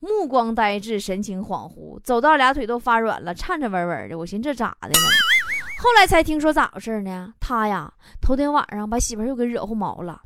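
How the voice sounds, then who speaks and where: Lively woman with a Northeastern Chinese accent. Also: fairly high pitch, brisk. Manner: chatty, laughing at own jokes. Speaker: comedy show host. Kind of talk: comic monologue. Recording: loud background noise.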